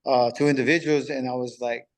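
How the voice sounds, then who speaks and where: A man recounting his own story as a podcast guest, in loose, casual street talk. He acts out old conversations line by line and often repeats himself for weight. His pitch sits in an ordinary middle range. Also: fairly even intonation, fairly quick. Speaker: podcast guest recently released on parole. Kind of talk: telling a personal story in conversation.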